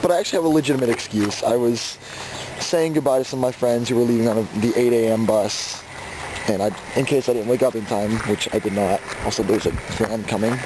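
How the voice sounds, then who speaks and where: Hoarse man vlogging on a noisy camera. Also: medium pitch. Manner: excited, swears freely. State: hoarse from screaming. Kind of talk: casual vlog chat.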